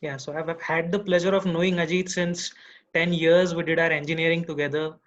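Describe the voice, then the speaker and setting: Man, earnest and thoughtful, higher pitch, dull lo-fi video call sound. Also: little pitch movement, fairly quick, fairly bright tone. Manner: earnest, thoughtful, many restarts. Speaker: meeting participant. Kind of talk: spoken reflection.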